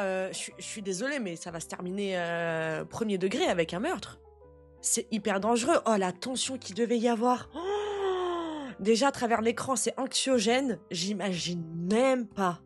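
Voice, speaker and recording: Une jeune femme qui réagit à des vidéos, commentant avec indignation et beaucoup d'argot. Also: female voice, medium pitch, normal speed, faint music behind. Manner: animated, outraged, slangy. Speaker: reaction video host. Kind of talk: casual reaction commentary.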